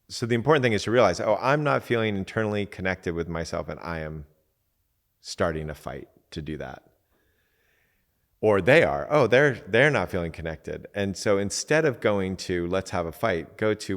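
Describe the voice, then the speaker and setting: Speaking in a low-pitched voice from what sounds like a large hall, this podcast host and coach offers laid-back, frank advice. He talks casually, drops the odd swear word, and performs little quotes as he goes.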